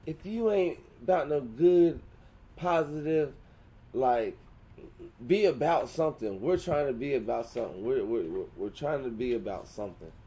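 A man's voice: mid-range voice, expressive, normal speed, mellow. A man co-hosting a casual podcast, joking, swearing and slipping into goofy voices. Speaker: podcast co-host. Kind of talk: rowdy casual chat.

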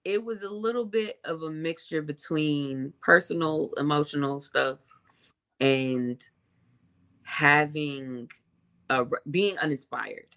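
A woman guest musician in a relaxed interview, speaking with a bright, clear tone. She picks her words carefully, often stopping to restart before explaining herself. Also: deep voice. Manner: thoughtful, hesitant, measured explanations. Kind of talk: casual interview chat.

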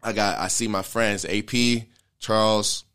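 A man's voice: on the low side, fairly even intonation, a little slow, a bit bright, clean tone. A man candidly telling a personal story in a casual interview, earnest and slangy, with loose fillers.

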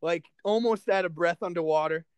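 A young man co-hosts a casual podcast with a slightly higher-pitched voice. He tells stories in a loose, rambling way and swears offhandedly. The sound is dry and close to the mic. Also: brisk, clear, resonant tone, dry recording. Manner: laid-back storyteller, swears casually. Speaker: podcast co-host.

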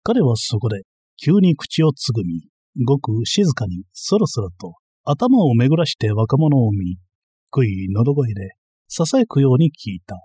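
A man narrating a comic historical novel in a measured storytelling manner, doing every character himself. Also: mid-range voice, big pitch swings, mellow, husky, no echo. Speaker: audiobook narrator.

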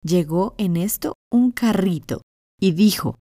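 A woman narrating a children's fairy tale in a gentle, expressive way. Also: mid-range voice, slow, no echo, clean studio sound. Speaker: storyteller. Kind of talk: children's storytelling. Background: faint music.

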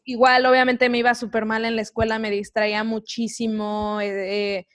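A young Mexican woman with a fairly high voice tells a story in casual conversation. She talks candidly and with lots of energy, full of slang. Her speech is loose and friendly. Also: little pitch movement, normal speed, a bit bright. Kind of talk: casual chat.

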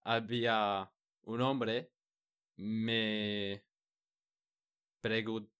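A man's voice: lowish voice, flat delivery, drawn-out words, fairly bright tone, smooth. A man in a casual chat, speaking hesitantly, restarting words and searching for the right ones. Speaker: conversation partner. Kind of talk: casual chat in a learned language.

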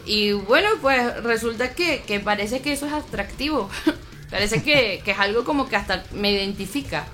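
Woman from Venezuela, bright voice, casual interview talk, reflective, restarts often. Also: a little high, moderate pace, a little hiss or hum. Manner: reflective, many restarts and fillers. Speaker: metal band vocalist, guest.

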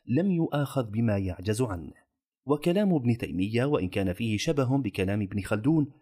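A man reading a magazine article aloud in formal scripted narration, with a steady, even delivery. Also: mid-range voice, slightly rough.

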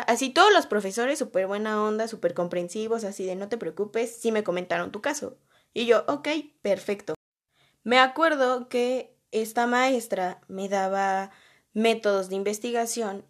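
A young woman with a Mexican Spanish accent telling a personal story in a casual, animated way, full of slang and acted-out quotes. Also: mid-range voice.

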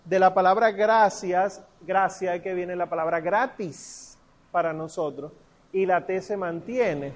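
Male Latin teacher, high pitch, slow and patient explanations. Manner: patient, explanatory, drawls the Latin prayer words. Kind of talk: classroom lesson.

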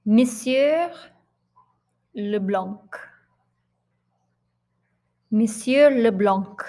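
A woman teaching pronunciation, saying each name several times slowly and carefully, with short explanatory asides. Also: mid-range voice, creaky, a bit bright. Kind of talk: slow word-by-word pronunciation drill.

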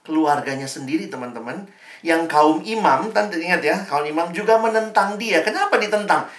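A man's voice: on the high side, animated, moderate pace, a bit bright. A young man giving a casual devotional talk to a campus fellowship, chatty and informal, with slangy asides and tag questions. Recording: echoey room.

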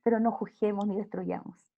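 A woman's voice: mid-range voice, fairly even intonation, moderate pace, creaky, phone-quality sound. A woman speaking earnestly in a casual faith interview, preaching with emphatic repeated phrases.

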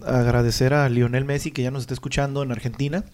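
A man in his thirties with a Tijuana Mexican accent co-hosting a casual podcast, relaxed and slangy, joking and trailing off mid-sentence. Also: mid-range voice, quick pace. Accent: Northern Mexican, Tijuana. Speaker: podcast co-host. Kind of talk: casual chat.

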